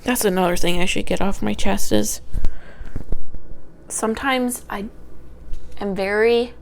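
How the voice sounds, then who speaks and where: A young adult woman, a history student, records an unedited personal vlog into a small handheld microphone, with a little hiss or hum in the background. Her voice is mid-range, creaky, small and light, and at a measured pace she rambles and trips over her words.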